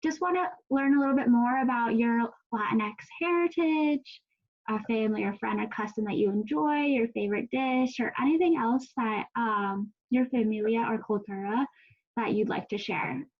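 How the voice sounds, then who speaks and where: A woman's voice: on the high side, normal speed. A woman moderating a panel discussion, inviting speakers to share. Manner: encouraging, inviting questions. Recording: dull lo-fi sound.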